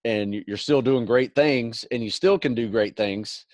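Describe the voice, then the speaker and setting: A man's voice: mid-range voice, moderate pace, a little mellow, dry recording. A middle-aged man hosting a podcast, agreeable and advising in a loose, filler-heavy way. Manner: agreeable, many "you know" fillers, advisory. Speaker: podcast host. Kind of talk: casual podcast conversation.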